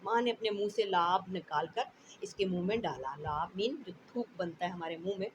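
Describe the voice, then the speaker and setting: A woman's voice: lowish voice, fairly quick, muffled recording, a little hiss or hum. A woman teacher reading a text aloud and explaining it line by line, checking in with her class as she goes. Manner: explains line by line, often adds "theek hai". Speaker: school teacher.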